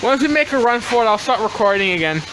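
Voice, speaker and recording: A young man with a strikingly high voice talks casually to his vlog, exclaiming and swearing as he goes. He is recorded outdoors, with clear rain and street noise around him. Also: animated, quick pace. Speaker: vlogger. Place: outdoors in a rainstorm. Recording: noisy outdoor rain and traffic ambience.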